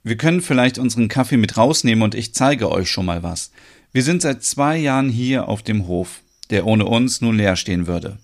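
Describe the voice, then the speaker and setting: A man's voice: lowish voice, expressive, normal speed. Friendly middle-aged farmer read by a man for a storybook, plain, patient explainer. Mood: explaining. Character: friendly farmer man around forty, welcoming.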